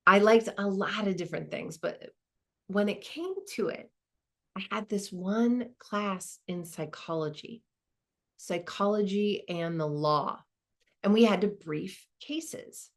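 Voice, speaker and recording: Slow and medium-pitched, a woman performs a dramatized narrative as a modest law school dean. She talks in a candid, reminiscing way, her reflective monologue conversational and marked by little hesitations.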